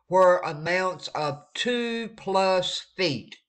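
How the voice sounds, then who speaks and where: His high, fairly bright voice moves extremely slowly yet expressively, nasal from congestion. The eastern North Carolina weather vlogger keeps his forecast over the maps friendly and casual, leaning on repeated words and reminding everyone to stay safe.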